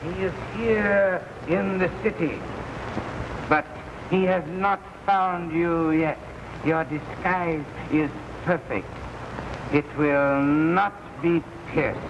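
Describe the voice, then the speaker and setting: A scheming courtly villain boss on a hissy 1950s TV broadcast. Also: male voice, on the high side, fairly even intonation. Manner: formal, slow and deliberate. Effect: noisy, dull 1950s TV broadcast recording. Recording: hissy, muffled old TV soundtrack.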